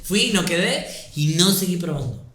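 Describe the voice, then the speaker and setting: An Argentine man in a relaxed interview, his accent worn down by years away. He tells his anecdotes with animation and easy laughter. The voice sounds bright, and the room gives it a noticeable echo. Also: high-pitched, moderate pace. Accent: Argentine Spanish softened by Yucatán. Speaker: guest. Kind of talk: casual interview chat.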